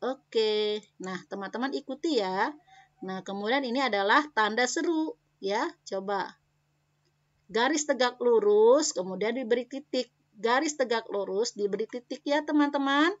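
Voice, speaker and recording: A woman's voice: on the high side, a bit bright, no room sound. A woman teacher, coaxing young children through a lesson with a sing-song questioning manner. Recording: dull lo-fi dry recording.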